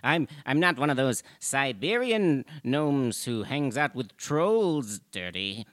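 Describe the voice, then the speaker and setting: A man voicing a tiny, crude male forest gnome with a sly, deadpan manner. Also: mid-range voice, slow pace, no room sound, studio quality. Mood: cheeky. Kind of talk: improvised comedy podcast bit.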